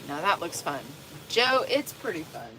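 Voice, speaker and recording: A woman's voice: fairly low pitch, big pitch swings, normal speed, noisy background. A woman fishing vlogger chatting casually outdoors on a boat, laughing easily and reading viewer comments aloud. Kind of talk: casual livestream chat. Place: outdoors on a boat on a lake in the rain.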